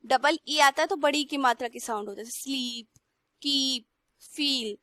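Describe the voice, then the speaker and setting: A young woman teacher slowly reads textbook lines aloud and then explains them in Hindi. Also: high voice, a bit bright, dry recording. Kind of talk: classroom lesson.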